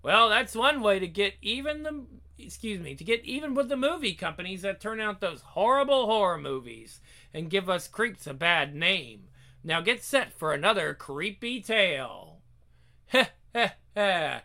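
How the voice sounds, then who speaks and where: A man's voice: high-pitched, big pitch swings, moderate pace, sharp tone, heavily acted. A man playing a gleeful, creepy horror story host, mock-friendly and punning, with an evil chuckle. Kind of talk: horror anthology host narration.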